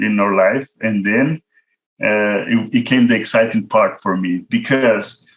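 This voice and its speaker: A Salvadoran man with a Central American Spanish accent speaks in a lowish voice, the recording rough. A product manager appearing as a guest speaker at an online virtual event, he tells his career story conversationally, addressing listeners directly in an informal, autobiographical talk.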